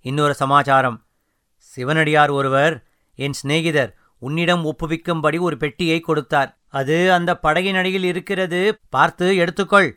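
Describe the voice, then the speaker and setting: A man's voice: on the high side, fairly even intonation, moderate pace, pushed and bright, clean tone, no echo, studio quality. A man voicing an older emperor who gives firm, kindly orders to a boatman, in an audiobook reading. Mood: commanding.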